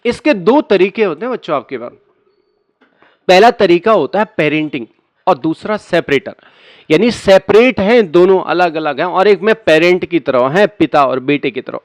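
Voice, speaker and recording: High-voiced man teaching computer basics. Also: animated, moderate pace, no room sound. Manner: conversational, asks and answers his own questions. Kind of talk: screen-recorded computer lesson.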